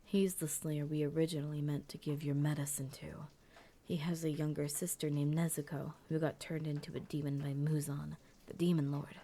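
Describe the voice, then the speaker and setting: A woman voicing a calm, measured older male leader of demon hunters in a storybook audio drama. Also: sits low, a little hiss or hum.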